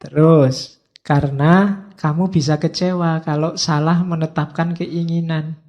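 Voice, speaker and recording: A man's voice: fairly high pitch, fairly even intonation, unhurried, darkish tone, muffled recording. A middle-aged man with a Javanese-inflected accent giving an informal philosophy lecture at a mosque, speaking straight to his students in a casual, teasing way. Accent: Javanese-inflected Indonesian.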